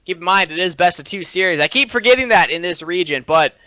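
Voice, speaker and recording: A man offers opinionated esports analysis in a higher, bright voice. His tone is crisp and smooth, recorded dry and close. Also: lively intonation, fast talker, no echo, poor audio. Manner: confident, opinionated, hesitant fillers. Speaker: esports co-caster. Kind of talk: color commentary.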